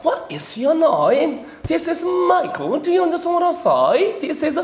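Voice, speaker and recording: A man imitating a British speaker of English, slow and exaggerated, for laughs. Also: extremely high pitch, huge pitch swings, pitched above the performer's own voice, heavily acted. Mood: mocking. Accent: mock British English. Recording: echoey lecture hall.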